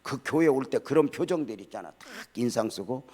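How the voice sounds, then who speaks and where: An older man delivers a church sermon with lively energy. He quizzes the congregation, calls for responses, and drifts into relaxed conversational stories between points. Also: medium pitch, a little fast. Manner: casual storytelling asides. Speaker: pastor. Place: church sanctuary.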